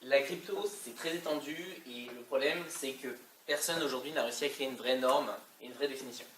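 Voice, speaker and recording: A man's voice: medium pitch, fairly quick, pushed and bright. A man with a French accent giving an informal technical talk in a colloquial, hesitant way, pronouncing English terms with a French accent. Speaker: conference speaker. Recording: echoey distant mic, faint noise.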